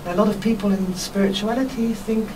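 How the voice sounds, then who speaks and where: A woman being interviewed on radio as a workshop teacher, explaining spiritual ideas in an earnest, reflective, measured way. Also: mid-range voice, steady tone. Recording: noisy, distant microphone.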